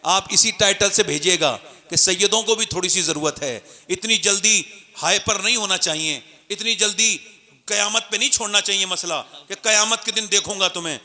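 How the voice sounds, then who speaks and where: A man preaching a sermon to a live audience, moving from calm storytelling to impassioned shouting and urging the crowd to call back. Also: sits high, normal speed, big-room sound. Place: religious gathering with a live audience.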